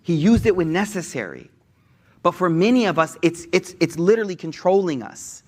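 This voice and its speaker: A young man giving a casual religious talk to an audience, energetic and conversational, with slang and restarts. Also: high voice, moderate pace. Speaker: Islamic speaker.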